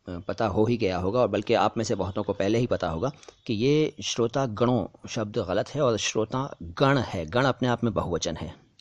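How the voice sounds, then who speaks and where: A man hosting a language lesson, patiently explaining how words are pronounced and slowly repeating them for emphasis. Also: on the low side, a little mellow, no echo, lo-fi sound. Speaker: language teacher, channel host. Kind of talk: explaining word pronunciation to viewers.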